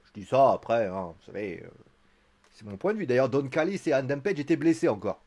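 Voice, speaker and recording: A man's voice: medium pitch, very animated, brisk, darkish tone. A man giving a casual live-stream recap of a wrestling show, chatty and joking, with theatrical asides to his viewers.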